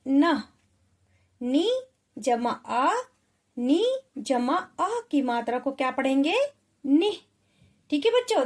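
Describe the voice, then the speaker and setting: A woman teaching spelling to children, sounding out letters one by one and checking in often. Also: high-pitched. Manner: sounds out letters slowly, often asks "ठीक है". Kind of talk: slow, patient spelling lesson.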